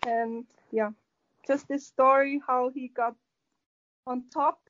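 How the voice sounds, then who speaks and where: A woman's voice: high-pitched, steady tone, slow pace, fairly bright tone, highs cut off. A woman with a German accent, a guest answering podcast questions hesitantly, searching for English words. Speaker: athlete guest.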